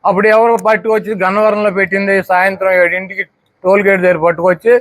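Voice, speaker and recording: Man firing rhetorical questions, high-pitched. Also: fairly bright tone, no echo. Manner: rhetorical, fires repeated questions. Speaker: politician speaking to the press. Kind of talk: combative press statement.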